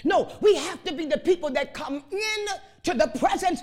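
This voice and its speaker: A woman's voice: extremely high pitch, expressive, normal speed, a little mellow. A woman preacher from Chicago giving a fervent sermon, full of exclamations and repeated words.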